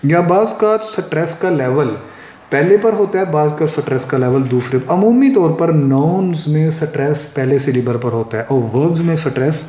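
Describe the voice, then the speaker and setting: A man teaching an English lesson, explaining terms in Hindi and Urdu, reading the English definitions slowly and repeating words to show their stress. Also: a little high, expressive, warm tone. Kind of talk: classroom lesson explaining poetic meter. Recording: echoey room.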